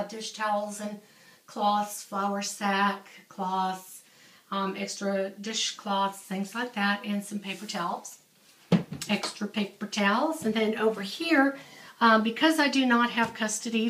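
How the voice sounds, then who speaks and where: The woman touring her laundry room for her home organizing vlog has a mid-range, slightly bright voice, with a little hiss or hum in the audio. Filming on a handheld camera with an off-screen mic, she chats casually, full of ums and restarts, amid the echo of a small tiled room.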